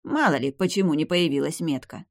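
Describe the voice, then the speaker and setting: A reader voicing a proud old grandfather who heads a clan, speaking slowly and self-importantly in an audiobook. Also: mid-range voice, gravelly, no echo, studio quality, natural voice. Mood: smug. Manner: slow, self-important, drawn-out speech. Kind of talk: audiobook character voice.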